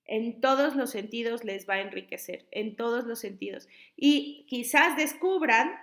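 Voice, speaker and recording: A woman, an online high school tutor patiently explaining spelling to her students. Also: a bit bright.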